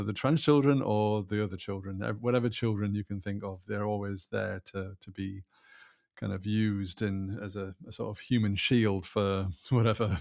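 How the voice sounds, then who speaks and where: This male co-host has a fairly low, darkish voice with vocal fry. Chatting casually on the podcast, he pushes his view with firm emphasis, breaking off to restart and adding side remarks.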